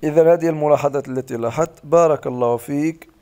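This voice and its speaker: A man teaching Quran recitation, patiently correcting his students and slowly modeling the right pronunciation. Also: on the high side, mellow, clean tone.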